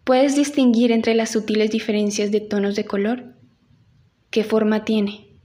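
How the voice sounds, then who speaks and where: A woman's voice: medium pitch, flat delivery, measured pace, dark tone. A woman giving an instructional audio lesson as an acting teacher, speaking directly to the listener and guiding them through an exercise. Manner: addresses listener directly with instructions and reflective questions.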